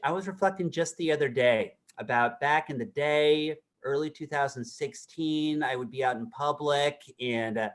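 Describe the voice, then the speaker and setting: A man's voice: fairly high pitch, normal speed, hardly any pauses. A man co-hosting a comedy show, speaking in a hesitant, mock-earnest way and repeating words.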